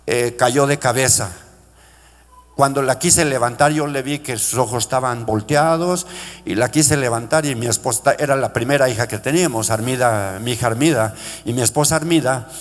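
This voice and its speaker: A passionate sermon from a middle-aged male pastor fills a church sanctuary, where the hall's reverb lingers long. He keeps a moderate pace, speaks to the congregation as brothers, and rises to a shout when he quotes those begging for mercy.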